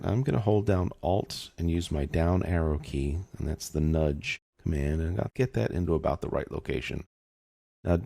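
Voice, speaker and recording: This man's voice is extremely deep and full of vocal fry as he casually guides viewers through a software tutorial one step at a time. Recorded close and dry with no echo, he sounds like an easygoing teacher.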